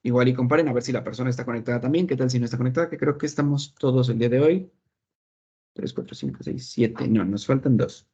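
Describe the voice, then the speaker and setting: A man's voice: mid-range voice, expressive, quick pace, mellow, breathy edge. A male English teacher leads an online class. He is patient and keeps checking that everyone understands. His voice sits mid-range and comes through a slightly dull, lo-fi call line. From Mexico. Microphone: video call.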